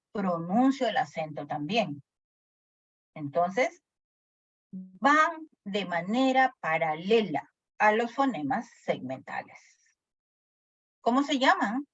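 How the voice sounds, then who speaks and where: A woman teacher lectures slowly, her pitch rising and falling a lot. Her voice is a little husky. The recording is dry and dull, with a lo-fi sound. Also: no echo. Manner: animated, asks the class questions often. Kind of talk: classroom lecture with questions to students.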